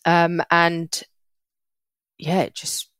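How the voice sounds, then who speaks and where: A young woman talks as an interview guest in an earnest, chatty way, often breaking off and restarting. Her voice sits low for a woman. The sound is close and dry. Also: little pitch movement, drawn-out words, fairly bright tone, smooth, dry recording. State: getting emotional. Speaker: podcast guest, parenting hack creator. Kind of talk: casual interview chat.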